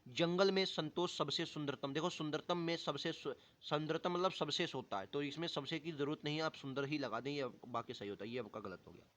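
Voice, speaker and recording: A man's voice: on the high side, a little fast, a bit bright. A young man running an exam coaching lesson, reading each option aloud and then correcting it with frequent checks. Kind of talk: explaining Hindi grammar questions.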